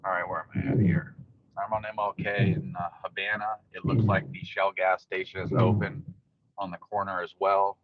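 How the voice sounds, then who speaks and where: A man's voice: low-pitched, moderate pace. A man giving a casual, rambling, matter-of-fact live commentary while driving a car through rain. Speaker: local vlogger giving a storm update while driving. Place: inside a moving car in rain. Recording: dull lo-fi audio, steady car and rain noise.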